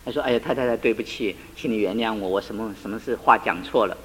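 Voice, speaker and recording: A man's voice: lowish voice, fast talker, slight background noise, poor audio. A man preaching a sermon, retelling a couple's conversation and building to emphatic climaxes. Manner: retells the couple's dialogue with shifting tones, rising to emphatic climaxes. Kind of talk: sermon with a told story.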